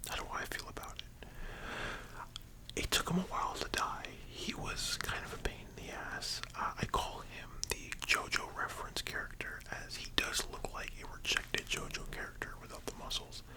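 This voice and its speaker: A young adult ASMR host talks about anime in a soft, sleepy, library-style whisper, rambling informally with casual asides. The pace is normal, but the audio quality is poor.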